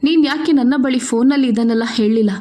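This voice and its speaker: A woman's voice: sits high, fast talker, dark tone, natural voice. A woman voicing a young husband who speaks earnestly and protectively to his wife. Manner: earnest, pleading.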